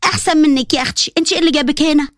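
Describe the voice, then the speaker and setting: A woman voicing a cheeky, sharp-tongued young woman in an animated story, with an Egyptian accent and a mocking, insulting manner. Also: high-pitched, very fast, no room sound, studio quality, natural voice.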